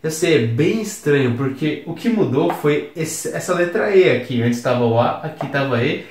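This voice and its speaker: A man's voice: fairly high pitch, expressive, normal speed, echoey room. A man teaching English in Brazilian Portuguese, patiently explaining words and spelling them out letter by letter. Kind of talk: recorded online lesson.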